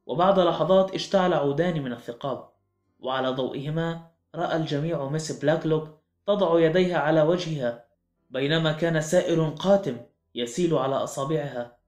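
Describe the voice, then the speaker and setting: A man's voice: fairly high pitch, brisk, darkish tone. A man narrating a mystery audiobook in a dramatic, suspenseful manner. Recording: echoey room with faint music.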